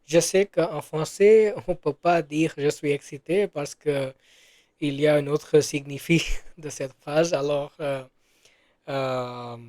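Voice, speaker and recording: Slow, hesitant man, dry close sound. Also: on the high side, a little mellow, no echo. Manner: hesitant, many fillers and self-corrections. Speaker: French learner. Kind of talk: casual spoken practice monologue.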